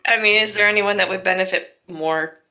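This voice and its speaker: A woman's voice: medium pitch, a little fast, sharp tone. A woman playing a tabletop role-playing game, talking casually with the group.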